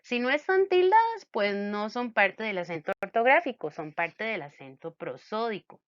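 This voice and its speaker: A woman teaches a grammar lesson with a lively, sing-song delivery, her pitch rising and falling a lot. She keeps the students involved with playful questions. The recording sounds muffled and dry. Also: moderate pace, no room sound.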